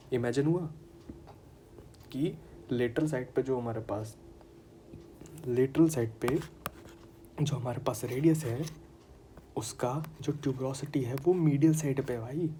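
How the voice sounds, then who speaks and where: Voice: medium pitch, dark tone, a little hiss or hum, poor audio. Chatty anatomy tutor with a sore throat. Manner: chatty, addresses students as friends, repeats terms. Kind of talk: casual online lecture.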